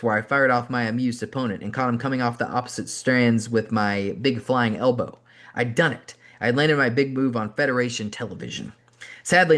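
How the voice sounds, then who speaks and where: A man, the host, reading a memoir aloud as an audiobook, narrating in an animated first-person storytelling style. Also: mid-range voice.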